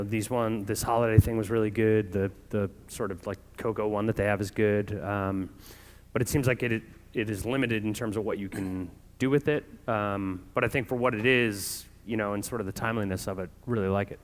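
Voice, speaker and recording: A man with a smooth, low voice offers casual judging feedback in a reverberant hall. His phrasing is loose and hesitant. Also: fairly even intonation, fairly quick. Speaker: competition judge.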